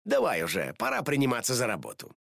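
A man's voice: mid-range voice, wildly swooping pitch, fast talker, gravelly, fairly bright tone, no echo, clean studio sound, heavily acted. A man reading a storybook aloud, voicing a spoiled, bossy teenage girl superhero who talks impatiently. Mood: grudging.

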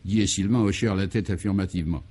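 Deadpan male comic narrator. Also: deep voice, fast, husky. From France. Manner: deadpan, absurd wordplay, playful self-corrections. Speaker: narrator and author. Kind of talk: comic radio-serial narration.

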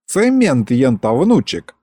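A sly old grandfather murmurs asides to his "grandson" in a hushed, folksy manner, as a male reader puts him on. The voice is dark and low, and the recording is dry. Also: very animated, takes it slowly, no echo. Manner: whispering, folksy.

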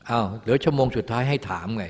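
A man's voice: medium pitch, fast talker, darkish tone, a little hiss or hum. An older man, a Buddhist teacher, giving a dharma talk in a casual storytelling manner and speaking of himself in the third person. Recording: long hall reverb.

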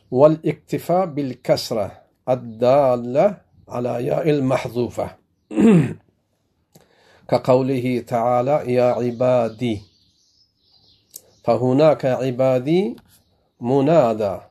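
A man's voice: medium pitch, mellow. A man from Afghanistan, a religious teacher giving a grammar lesson and repeating each example several times.

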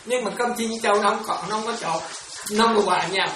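Nun teaching from far off. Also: female voice, medium pitch, quick pace, a crowd in the background. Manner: repetitive, keeps checking if students follow. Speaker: Buddhist monastic teacher. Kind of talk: dharma class explaining Pali terms. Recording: echoey room from far off, ambient noise.

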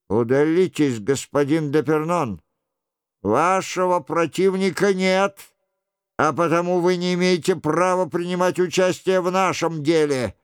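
A man's voice: fairly high pitch, smooth, dry recording, clean studio sound. A man reading an audiobook, voicing a hot-tempered young courtier who gives firm orders. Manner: commanding, firm.

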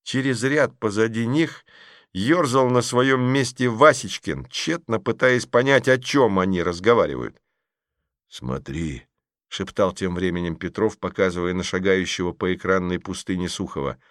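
A man narrating a humorous children's story in a lively, expressive way. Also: fairly low pitch, moderate pace, no echo, studio quality. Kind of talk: storybook reading.

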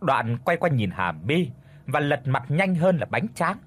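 A man narrating an audio story with a dramatic, expressive manner. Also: fairly high pitch, measured pace, husky.

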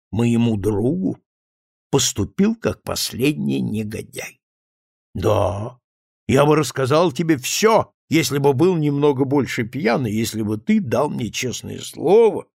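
A man's voice: mid-range voice, vocal fry, a little mellow, slightly rough, dry recording, clean studio sound, exaggerated voice. A man reading an audiobook, voicing a drunken, self-pitying male friend who pleads and boasts emphatically. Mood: effusive, confessing.

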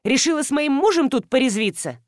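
A woman reading an audiobook, voicing a jealous, tearful young farmer's wife who talks in a high, shrill, pleading way. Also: expressive, brisk, no room sound, clean studio sound. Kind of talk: audiobook dialogue.

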